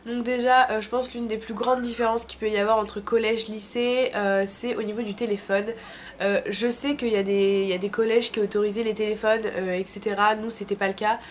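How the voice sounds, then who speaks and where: A woman's voice: medium pitch, little pitch movement, fairly quick, a little hiss or hum. A woman in her late teens from France with a thick, sore-throat voice from tonsillitis, giving informal, slangy advice in a casual vlog. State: sick with a throat infection. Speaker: vlogger.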